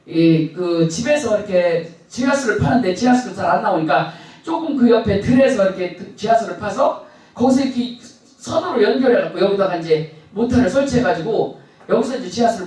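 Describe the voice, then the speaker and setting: A man's voice: very high-pitched, recorded from a distance. A male pastor preaching a Sunday sermon, telling a story with emphatic swings and laughter. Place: church sanctuary. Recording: echoey church hall, speaker off-mic.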